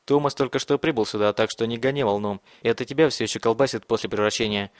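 A man doing a calm, commanding boy leader. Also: medium pitch, fast, no room sound, clean studio sound, natural voice. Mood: stern. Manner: calm, clipped, threatening.

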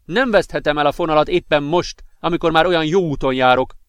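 Man reading volatile young hothead, pitched up, urgent and heated, dry booth. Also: clean tone, no room sound, natural voice. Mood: urgent, insistent. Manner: excited, insistent, increasingly furious. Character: agitated straw-haired young man, volatile.

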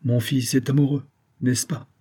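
A man's voice: medium pitch, little pitch movement, moderate pace, warm tone, slightly rough, pitched above the performer's own voice, natural voice. A man reading an audiobook and voicing a worried aristocratic father, a viscount who asks abrupt, probing questions.

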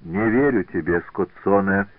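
A man reading a proud, mocking artist in a low, curt voice close to his own. The audiobook sound is narrow and phone-like, dry and close. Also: measured pace, no room sound. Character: proud famous male artist, mocking and quick-tempered. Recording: tinny phone-like dry recording.

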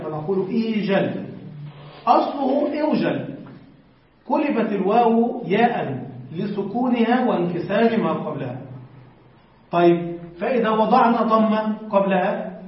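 A man teaching a classroom lecture, asking his students questions and answering them himself while repeating word forms. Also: high-pitched. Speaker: sheikh teaching Arabic morphology. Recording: very echoey, distant, dull lo-fi.

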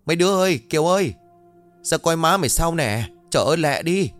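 Man doing a bossy older neighbor woman, blunt, shouting, very lively pitch. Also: normal speed, soft background music, lightly acted.

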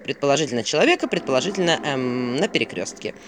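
A woman's voice: very deep voice, very animated, fast talker, background noise, voice pushed down. A woman voicing a sarcastic, grumbling male owl who mocks his companion in a dry tone. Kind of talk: audiobook character voice.

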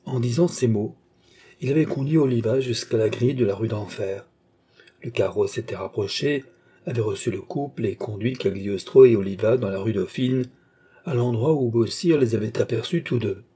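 A man narrating a classic novel as an audiobook in a measured, steady reading. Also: mid-range voice, husky.

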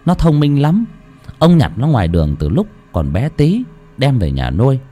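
A man's voice: medium pitch, huge pitch swings, normal speed, mellow, soft background music. A man narrating a horror story dramatically.

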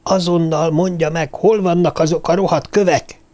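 A man's voice: on the high side, lively intonation, a little mellow, pitched above the performer's own voice. A male narrator voicing a mysterious young woman who mocks and commands. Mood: furious. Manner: mocking, commanding. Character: mysterious young woman, mocking then furious.

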